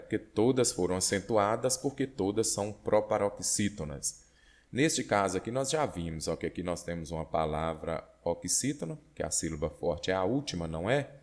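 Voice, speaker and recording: A man with a Brazilian Portuguese accent, teaching an online exam-prep lesson and explaining step by step while checking in with his students. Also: low-pitched.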